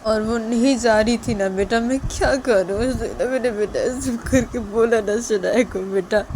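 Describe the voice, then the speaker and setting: A woman voicing a grieving father who angrily orders a girl out of his house, repeating short loud commands. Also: high-pitched, background noise, pitched above the performer's own voice, natural voice. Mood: anguished. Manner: loud, repetitive, dismissive commands. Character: angry grieving father sending girl away.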